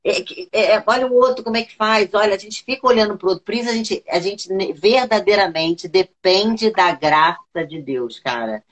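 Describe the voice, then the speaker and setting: A woman hosts a relaxed chat in an ordinary mid-range voice. She talks earnestly and uses plenty of slang. She often acts out her own inner voice. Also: mid-range voice, moderate pace, few pauses, rough recording. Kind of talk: casual chat.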